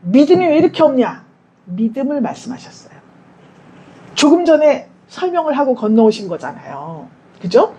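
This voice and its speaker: High, lively woman preaching. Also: normal speed, rough recording. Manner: conversational, asks the congregation questions; acts out quoted prayers and dialogue. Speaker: pastor. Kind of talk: Sunday sermon. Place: church.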